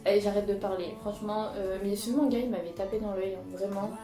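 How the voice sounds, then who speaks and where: Her voice is medium-pitched and steady, and she talks fast. A young manga vlogger casually chats through her purchases, hesitant and full of fillers and restarts, in an echoey room with music behind her.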